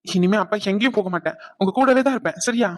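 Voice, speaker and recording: A woman's voice: mid-range voice, dry recording, clean studio sound, close to an everyday voice. A woman voicing a young father in a cartoon, soothing his son and teasing his mother. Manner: quick, soothing, playful. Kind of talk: cartoon voice acting.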